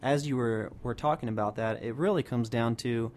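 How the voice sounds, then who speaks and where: A man speaking as a health practitioner guest on a radio show, explaining at length and patiently with many pauses. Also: mid-range voice, a little mellow, slight background noise. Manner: explanatory, many fillers and restarts. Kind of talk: radio interview.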